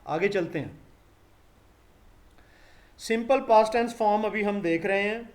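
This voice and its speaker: High-voiced male teacher, patient and repetitive. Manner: addresses students as beta, explains patiently, repeats sounds slowly. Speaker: English teacher. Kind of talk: live online lecture.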